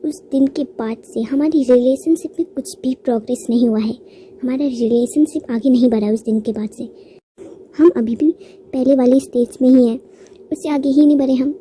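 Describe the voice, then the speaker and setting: A woman's voice: high-pitched, dark tone, a little hiss or hum. A woman narrating a manga recap in a chatty storytelling way, laughing now and then.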